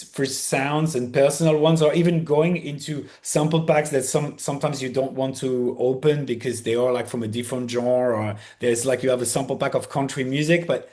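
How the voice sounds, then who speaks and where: A man's voice: medium pitch, darkish tone. Host DJ, male, casual and hesitant, fillers everywhere, video-call sound. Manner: hesitant, many fillers and restarts. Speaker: DJ giving track feedback. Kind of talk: casual live feedback chat.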